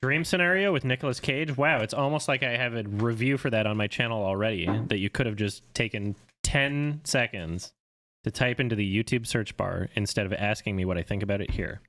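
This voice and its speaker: A man's voice: on the low side, a bit bright. A man in his thirties from Canada, a film critic chatting casually on a live stream with a sarcastic, joking manner. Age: 30s. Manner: sarcastic, quick to joke.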